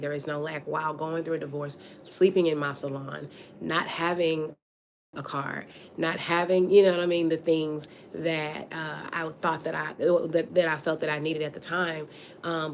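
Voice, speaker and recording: A woman speaking as an interview guest, sharing personal experiences in a reflective, conversational way. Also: sits low. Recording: faint background noise.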